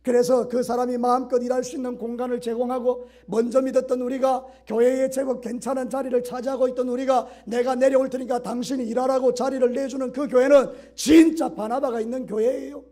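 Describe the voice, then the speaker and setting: A middle-aged male pastor preaching a sermon, swinging from loud exhortation to soft asides. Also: very high voice, little pitch movement, fairly quick, few pauses. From Korea.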